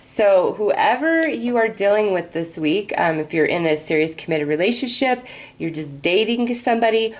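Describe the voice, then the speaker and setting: A woman's voice: mid-range voice, lively intonation, normal speed. A woman giving a casual mystical horoscope reading, chatty and reassuring, speaking straight to the listener. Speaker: astrology tarot reader, host.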